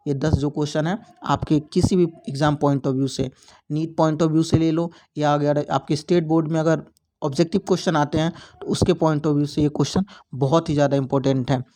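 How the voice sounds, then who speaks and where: A young male teacher with a somewhat high voice, patiently walking through exam questions one by one. He repeats key points, slipping English terms into his explanations. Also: steady tone, moderate pace, dark tone. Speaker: biology teacher.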